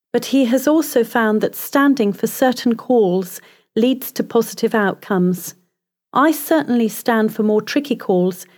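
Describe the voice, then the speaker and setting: A woman voice coach reads scripted instructions in a calm, measured way. Her voice sits a little high, and she takes her time over every step.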